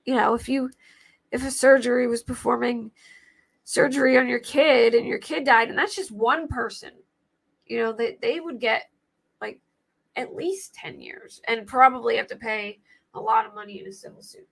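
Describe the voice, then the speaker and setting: American woman, scratchy and gravelly voice, higher-pitched, casual livestream commentary, informal and rambling. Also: moderate pace. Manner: informal, rambling, thinking aloud. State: scratchy voice today. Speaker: livestream host commenting on true crime cases.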